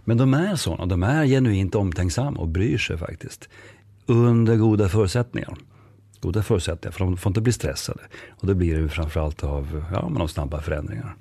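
A man's voice: sits low, creaky, breathy edge, no room sound. En man från norra Sverige med norrländsk dialekt som pratar i en podd och livligt spelar upp dialoger när han berättar. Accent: northern Swedish. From northern Sweden. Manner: lively storyteller, acts out dialogue. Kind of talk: podcast conversation.

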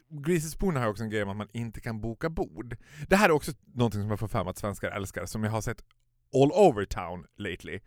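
Lively man, animated storyteller. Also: medium pitch, no echo, studio quality. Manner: animated storytelling, mixes in English phrases, mimics people. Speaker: podcast co-host. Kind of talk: casual chat.

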